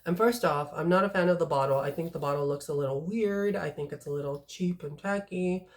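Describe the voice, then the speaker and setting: A woman's voice: low-pitched, fairly quick. A woman giving a casual, sassy fragrance review, blunt and full of slang.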